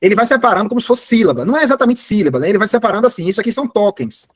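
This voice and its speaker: A man's voice: high-pitched, expressive, rapid-fire, husky, dry recording. A man giving a live online class, explaining step by step and often correcting himself mid-sentence. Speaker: course instructor.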